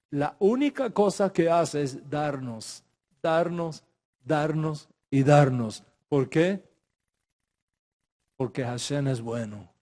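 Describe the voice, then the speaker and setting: A man's voice: fairly high pitch, a little mellow. A middle-aged man teaching a religious class, emphatic, repeating phrases and restarting his sentences. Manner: speaks in Spanish with Hebrew religious terms.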